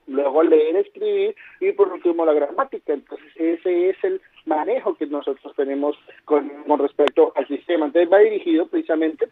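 A man, director of a language school, pitching his courses over the phone and checking in with "¿sí?" as he talks. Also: a little hiss or hum. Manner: salesy pitch, peppered with "¿sí?" checks. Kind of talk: promotional phone interview. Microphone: telephone. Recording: tinny dry phone line.

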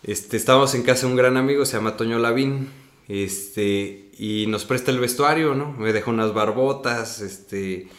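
This young Mexican-accented man has a medium-pitched voice and a moderate pace, and the recording is reverberant. Chatting in a casual interview, he tells his acting story with animation, ending many lines with "¿no?".

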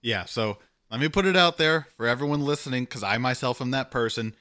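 Man, casual podcast co-host, bright forward tone, chatty and self-mocking. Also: medium pitch. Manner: chatty, self-deprecating, quick asides. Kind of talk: casual chat.

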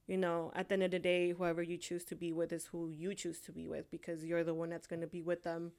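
Soft-toned young woman chatting hesitantly. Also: lowish voice, clean tone. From Honduras. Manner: hesitant, many fillers. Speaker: co-host. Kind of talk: casual chat.

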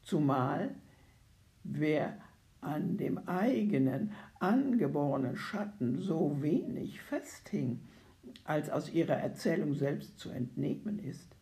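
A reader voicing a sober, stern old painter-professor in a literary audiobook, lecturing in a measured, reasoning way. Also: mid-range voice, lively intonation, dark tone. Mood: sober, admonishing. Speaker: character in a read novel.

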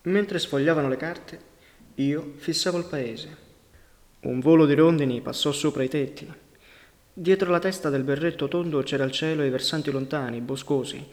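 A man narrating a novel as an audiobook, in a measured, unhurried literary reading. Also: a little high. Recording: long reverberant hall sound.

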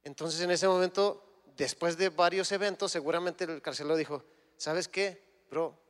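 A man's voice: fairly high pitch, fairly even intonation, brisk, smooth. Man preaching in a reverberant hall. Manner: conversational, retells scripture with imagined dialogue. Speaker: guest preacher. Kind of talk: sermon.

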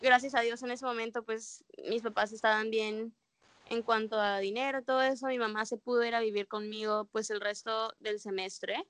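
A woman's voice: a little high, flat delivery, moderate pace, fairly bright tone, clear, resonant tone, no room sound. A young woman from Mexico with a Mexican Spanish accent, speaking in a casual chat and candidly telling a personal story, full of slang.

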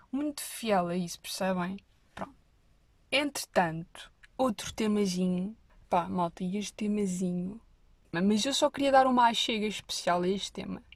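A woman's voice: mid-range voice, no room sound. A woman with a European Portuguese accent, telling a rambling comic story to her viewers, with whispered asides. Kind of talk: casual comic monologue.

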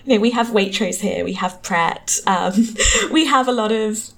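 A woman's voice: medium pitch, animated, unhurried, gravelly. A young woman with an English Home Counties accent, chatting in a casual, hedging way in an interview. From Hertfordshire, England. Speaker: interview guest.

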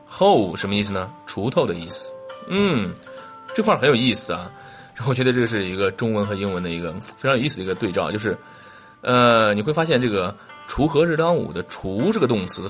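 A man's voice: lowish voice, a bit bright. A man teaching a lesson, patiently explaining translations, asking questions and spelling out words letter by letter. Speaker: English teacher.

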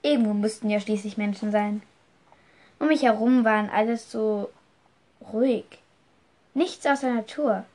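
A woman narrating a first-person fantasy story in a slow, measured reading voice. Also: fairly high pitch, darkish tone. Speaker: audiobook reader.

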